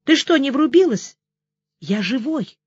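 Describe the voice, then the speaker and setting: A woman voicing a calm male police major in an audiobook, speaking quietly and steadily. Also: high voice, a little slow, dry recording, dull audio, pitched above the performer's own voice. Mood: quiet, steadying.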